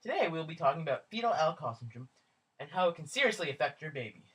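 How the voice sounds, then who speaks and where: Woman doing a low, goofy puppet-show presenter. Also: sing-song, fast, fairly bright tone, breathy edge, heavily acted. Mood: mock solemn. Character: mock-solemn children's sock puppet show presenter. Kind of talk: goofy mock-educational scripted narration.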